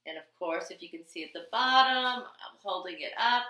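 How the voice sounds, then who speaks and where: A primary school teacher patiently leads young children through a handwriting lesson, using a sing-song style with simple repeated phrases and questions. Her lowish voice is animated, bright and forceful at a moderate pace. She sits away from the mic in an echoey room.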